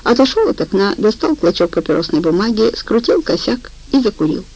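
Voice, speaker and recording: A woman reading an audiobook in calm, even, unhurried narration. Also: mid-range voice, low-quality recording. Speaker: audiobook reader. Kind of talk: scripted narration.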